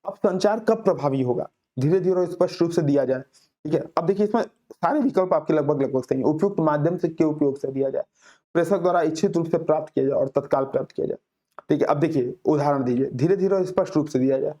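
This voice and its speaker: A man teaching an exam-prep class, explaining answers with homely examples and reading questions out slowly. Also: a little high, mellow. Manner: reads English questions out very slowly, then explains with everyday examples. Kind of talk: Hindi lecture solving exam questions.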